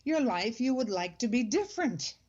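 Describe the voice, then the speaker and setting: A woman's voice: a little high, big pitch swings, normal speed, a crowd in the background. A woman co-hosting a casual chat, blunt and dismissive, laughing easily. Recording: dull lo-fi audio.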